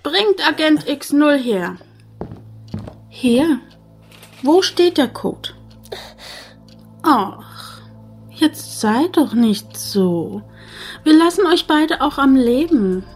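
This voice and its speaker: A power-hungry female gang leader acted by a woman in an audio drama, condescending and falsely polite. Her high voice swings theatrically and takes its time, with faint music underneath. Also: big pitch swings, drawn-out words, long pauses, darkish tone, exaggerated voice. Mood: cold, coaxing. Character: smug female crime boss craving world domination. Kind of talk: hobby audio drama acting.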